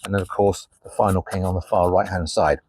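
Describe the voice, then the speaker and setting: A man's voice: low-pitched, fairly even intonation, a little fast, a little mellow, husky. An older man, a magician, chatting his way through card tricks at a table for the camera, with plenty of asides and ums. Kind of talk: casual card trick demonstration. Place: indoors at a table, facing a camera with a monitor.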